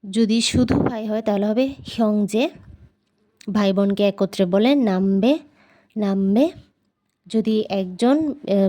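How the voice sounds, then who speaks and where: Patient woman teaching slow word drills. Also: medium pitch, mellow. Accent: Bangladeshi Bengali. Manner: repeats each word slowly, patient and explanatory. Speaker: language teacher. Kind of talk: casual vocabulary lesson.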